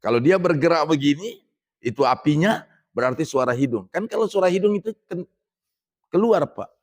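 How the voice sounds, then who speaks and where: Middle-aged Indonesian preacher, chatty mosque talk, slow careful Arabic recitation. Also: male voice, fairly high pitch, expressive. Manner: conversational, addresses listeners as Pak, recites Arabic slowly. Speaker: ustadz giving a mosque lecture. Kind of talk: religious lecture.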